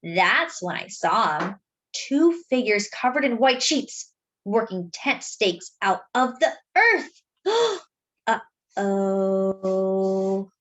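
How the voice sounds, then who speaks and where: The audio is dull, with a little hiss or hum. Over it, a woman in a mid-range voice reads a children's story in an expressive, dramatic, deliberate storytelling style aimed at young listeners.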